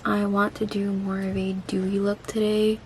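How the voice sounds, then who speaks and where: A woman's voice: mid-range voice, monotone, moderate pace, a little hiss or hum. A woman chatting casually and self-deprecatingly through a makeup vlog, her mouth and jaw swollen after having her wisdom teeth out. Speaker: beauty vlogger.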